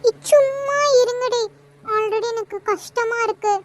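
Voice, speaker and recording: A woman voicing a heartbroken young woman friend in a cartoon, crying and speaking in a slow, choked way. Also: very high-pitched, a bit bright, dry recording. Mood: tearful. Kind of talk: cartoon voice acting.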